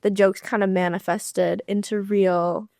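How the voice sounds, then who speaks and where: Young woman chatting on a podcast, dry close mic, tells stories fast with lots of "i was like". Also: mid-range voice, little pitch movement, gravelly, a little mellow, dry recording. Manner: chatty, retells conversations with quick asides. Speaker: podcast co-host. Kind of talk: casual chat.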